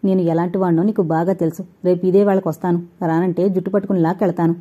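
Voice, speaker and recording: A woman voicing a worried, gentle young man in an audio novel, asking soft, concerned questions. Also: lowish voice, little pitch movement, fast talker, husky, dull audio.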